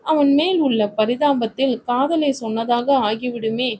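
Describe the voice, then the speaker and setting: A woman's voice: high voice, a little slow, slight background noise, poor audio. Woman narrating a romance story. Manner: steady, literary storytelling.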